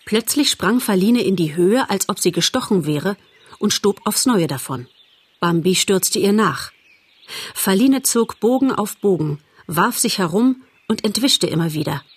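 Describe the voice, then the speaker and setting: A woman narrating a storybook audiobook in a measured, expressive storytelling voice. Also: medium pitch, slightly rough, dry recording.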